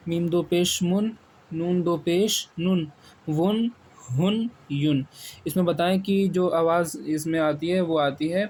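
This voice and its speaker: A man with a Pakistani Urdu accent teaches Quran reading by spelling out each sound slowly and drawing out the syllables. His voice sits a little high. There is faint noise behind him. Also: darkish tone. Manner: repeats sounds slowly, drawn-out syllables, frequent "theek hai". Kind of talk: spelling-out recitation lesson.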